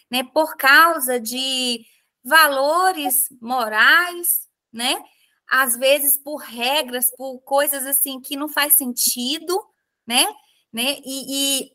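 A Brazilian Portuguese-accented woman hosts this interview in a high, bright voice. She talks earnestly and conversationally about parenting, leaning on frequent tag questions and fillers as she goes. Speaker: podcast host, mother.

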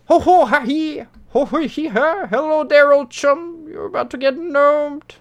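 A man's voice: very high-pitched, measured pace, voice pushed up. A man voicing a mischievous male gnome who cackles and gives a sing-song greeting. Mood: gleeful.

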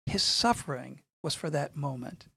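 A middle-aged man speaking earnestly and in a measured way, sharing a personal testimony in conversation. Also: on the high side, expressive, creaky, sharp tone, slightly rough, no echo. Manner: earnest, measured, repeats phrases for emphasis. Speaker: guest speaking on faith and suffering.

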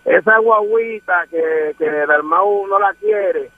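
A man's voice: sits high, unhurried, no room sound. A man calling in to a radio show, chatty, working out numbers aloud. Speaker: caller. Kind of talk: call-in chat. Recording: tinny phone line.

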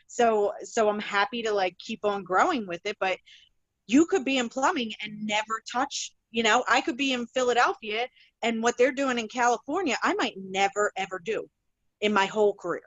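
A talkative woman plumber in a casual conversation, her voice sitting a little high. She rambles with plenty of "like" and false starts. The recording is dry and close, with no room sound. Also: normal speed, no echo, dull audio. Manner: chatty, rambling, many fillers and restarts; animated, laughs while telling stories. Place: works in Philadelphia.

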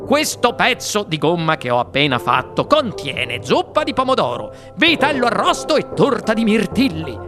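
A reader doing an excitable eccentric inventor. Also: mid-range voice, normal speed, few pauses, over music. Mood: boastful. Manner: boastful, then panicky pleading. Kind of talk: audiobook character reading.

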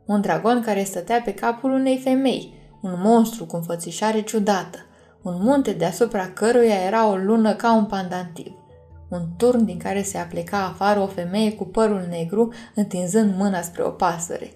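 A woman narrating a fantasy audiobook in a calm, measured reading. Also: medium pitch, faint music behind. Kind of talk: scripted storybook narration.

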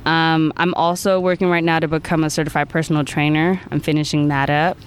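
Here a guest in their twenties speaks briskly in a flat, mid-range voice over slight background noise. It's a relaxed interview chat on a podcast, and they wander from point to point, laughing frequently and saying "like" and "I feel like" constantly.

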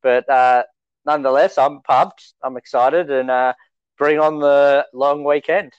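A man's voice: mid-range voice, steady tone, measured pace, clear, resonant tone, no room sound. An Australian man co-hosting a sports podcast in casual, matey conversation, recorded on slightly dull lo-fi audio. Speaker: fantasy rugby league podcast co-host.

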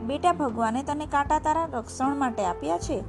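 A woman's voice: sits high, moderate pace, over music. A woman doing a motherly magical night queen. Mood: soothing. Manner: warm, soothing, affectionate.

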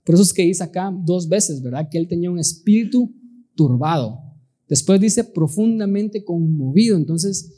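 A man's voice: sits high, lively intonation, moderate pace, dark tone. A man preaching a sermon in an earnest, emphatic manner, often tossing rhetorical questions to his listeners.

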